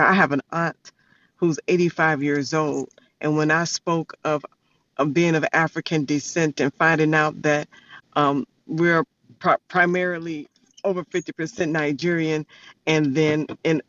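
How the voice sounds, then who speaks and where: A man's voice: a little high, fairly bright tone, no room sound. Man, earnest guest speaker, passionate, dry close sound, dull lo-fi audio. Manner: passionate, searching for words. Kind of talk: earnest reflective speech.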